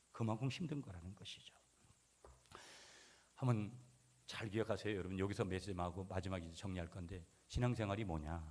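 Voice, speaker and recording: A male pastor preaching a sermon, swinging between loud declarations and quiet asides and calling for responses from the congregation. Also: on the low side, husky.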